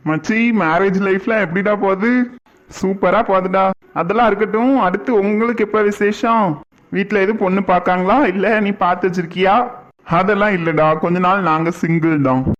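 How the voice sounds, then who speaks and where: A man doing a calm cartoon young husband. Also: sits high, a little fast, dull audio. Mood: friendly. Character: kind young husband, dutiful son.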